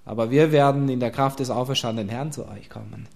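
A man preaching a sermon, earnest and emphatic, asking his listeners direct questions and dropping to a quiet voice at times. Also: medium pitch, fast, creaky.

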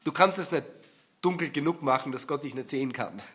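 A man preaching a sermon and reading scripture earnestly, swinging between loud emphasis and hushed tones. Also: fairly high pitch, fairly quick.

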